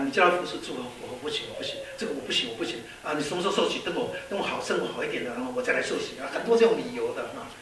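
A man preaching a sermon in a lively storytelling way, with many rhetorical questions and some English words mixed in. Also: fairly high pitch. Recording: echoey hall, distant mic, faint hiss.

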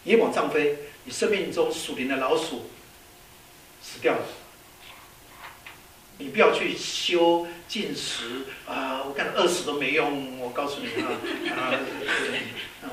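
A man preaching a sermon in a lively storytelling way, with many rhetorical questions and some English words mixed in. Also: mid-range voice. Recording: echoey hall, distant mic, faint hiss.

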